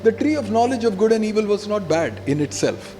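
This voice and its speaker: A man's voice: sits high, sing-song, a little fast, warm tone, long reverb tail, slight background noise. A man pastor preaching a sermon, emphatic, often checking in with the congregation. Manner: emphatic preaching, frequent call-outs to the congregation.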